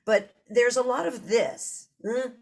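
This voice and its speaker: A woman's voice: medium pitch, expressive, unhurried. A woman in her sixties with a Boston accent, co-hosting a live podcast, telling stories with playful asides. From Boston area, US. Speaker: podcast co-host.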